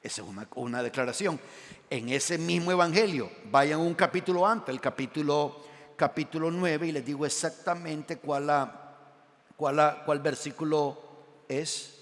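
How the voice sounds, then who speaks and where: A man preaches in a church, his slightly high voice trailing off into a long hall reverb. He reads scripture aloud and puts questions to the congregation. His delivery swings from loud emphatic lines to quiet, low asides. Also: unhurried. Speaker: pastor. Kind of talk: sermon. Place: church sanctuary.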